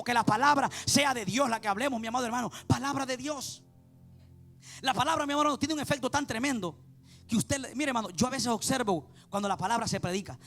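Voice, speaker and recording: Fervent high-pitched man preaching fast. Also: gravelly, fairly bright tone. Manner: fervent, repetitive, addresses listeners as beloved brother. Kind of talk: sermon.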